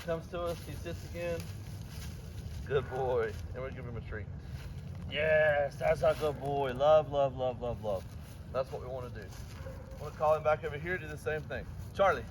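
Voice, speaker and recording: A man's voice: mid-range voice, noisy background. Male dog trainer explaining outdoors. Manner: explains steps while giving dog commands.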